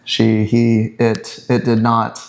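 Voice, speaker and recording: Man, family podcast co-host, gravelly, easygoing, joking. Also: medium pitch, monotone, slow, poor audio. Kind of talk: casual family chat.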